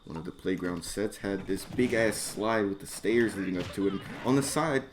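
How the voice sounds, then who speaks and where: A man with a lowish voice reads his own comedic story aloud at a moderate pace, sounding slangy, profane, and exasperated. The recording has a noisy background and mouse or mic clicks.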